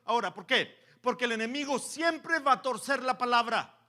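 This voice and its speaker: Bright-voiced male pastor preaching. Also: extremely high pitch, moderate pace. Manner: swings from soft asides to loud preaching, call-and-response. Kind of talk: sermon.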